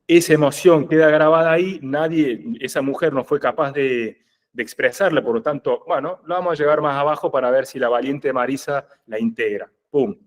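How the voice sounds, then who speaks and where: A man's voice: medium pitch, a little fast. Male group facilitator, Rioplatense accent, mid-range voice, didactic and conversational, checks understanding often. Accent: Rioplatense Spanish. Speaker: group facilitator in family constellations.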